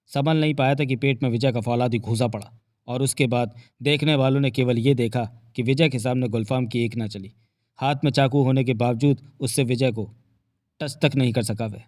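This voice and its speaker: A man's voice: mid-range voice, fairly even intonation, moderate pace, a little mellow, dry recording, studio quality. A man narrating a novel aloud with vivid, dramatic storytelling. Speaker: audiobook narrator.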